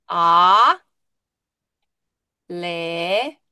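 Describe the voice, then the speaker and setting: A woman's voice: on the low side, lively intonation, bright, forceful tone, clear, resonant tone, no room sound, clean studio sound. A woman teacher giving an online grammar lesson to pupils, patient and questioning, stretching out example words.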